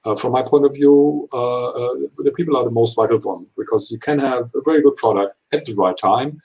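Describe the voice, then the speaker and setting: A man of 39 who is not a native English speaker gives interview answers in halting, imperfect English full of hesitations. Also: mid-range voice, darkish tone, poor audio. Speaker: HR professional being interviewed.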